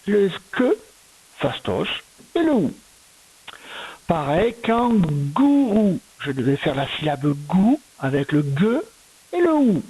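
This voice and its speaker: A primary school teacher with a low, mellow voice, big pitch swings and a breathy edge patiently teaches a young child to spell. She dictates slowly, sounding out each word syllable by syllable in this recorded reading and spelling lesson. The audio quality is poor.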